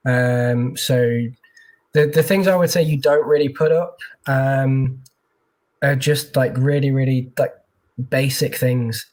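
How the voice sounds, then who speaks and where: A man's voice: mid-range voice, steady tone, takes it slowly, darkish tone. Chatty man recruiter on a call. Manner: chatty, many fillers and restarts. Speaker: tech recruiter guest. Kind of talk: casual interview talk.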